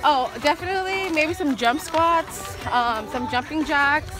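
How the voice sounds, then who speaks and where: A woman's voice: high voice, measured pace, music in the background. A young woman in her twenties giving fitness tips while walking a hillside trail, talking casually with many "um" fillers. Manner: chatty, lots of "um" fillers. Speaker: fitness vlogger. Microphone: camera carried alongside while walking.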